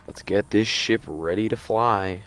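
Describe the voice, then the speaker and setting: A man giving casual gameplay commentary, excitable, swearing freely and slipping into announcer asides. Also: lowish voice, a little slow. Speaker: gamer.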